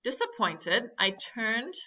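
A woman's voice: fairly high pitch, very animated, slow pace, pushed and bright. A woman teacher reading a children's book aloud with expression, stopping to explain and ask questions. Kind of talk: read-aloud storytime with questions. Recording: muffled lo-fi audio.

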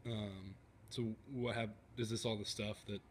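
Young man playing a hesitant skeptical friend, stammering, lowish voice, faint hiss on phone video. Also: fairly even intonation, normal speed, lightly acted. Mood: hesitant, doubtful. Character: skeptical young male friend, polite and uneasy. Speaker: doubtful friend being shown the basement. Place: cluttered home basement.

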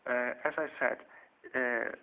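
Recorded through a handheld camera mic, with tinny lo-fi sound and a faint hiss, a man makes a casual explanatory tutorial video. He's slow and halting, full of fillers and restarts, with a gravelly, medium-pitched voice and fairly even intonation.

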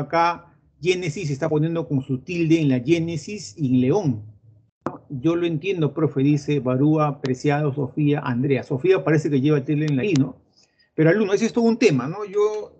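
A man's voice: fairly high pitch, a little mellow. A middle-aged man with a Peruvian Spanish accent teaching an online pre-university math class, chatting directly with his students. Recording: dull lo-fi audio with faint noise.

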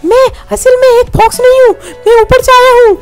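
A performer voicing a mysterious fox spirit from above, speaking solemnly in a very high voice. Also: fairly even intonation, fairly quick, faint music behind.

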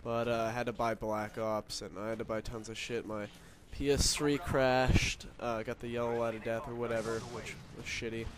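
A man's voice: lowish voice, monotone, fairly quick, few pauses. A young man with a nasal voice from a cold, rambling casually over game footage with lots of fillers and swearing. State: sick, nasal. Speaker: gaming commentator. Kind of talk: casual gameplay commentary. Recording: noisy with game gunfire behind. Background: game gunfire.

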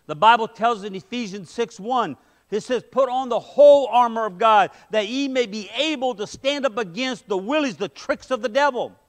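Pastor guy preaching in a church, really high voice for a man, punchy and emphatic, lots of rhetorical questions. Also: moderate pace. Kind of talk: sermon. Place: church sanctuary, medium-sized, indoors. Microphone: headset mic.

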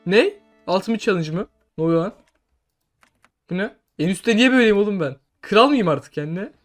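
Young male gamer, high voice, quick rambling delivery, faint music underneath; casual game commentary. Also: animated. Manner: rambling, then loud swearing outbursts. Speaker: gameplay streamer. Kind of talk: casual gameplay commentary with mock lore.

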